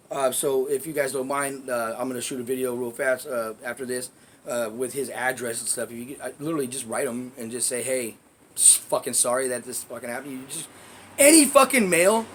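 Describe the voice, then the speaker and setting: A man at an ordinary middle pitch tells a long, casual vlog story, swearing freely and rambling between points. His voice sinks into low asides and then rises in loud, emphatic bursts. A faint hiss runs under the recording. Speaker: vlogger telling neighborhood stories.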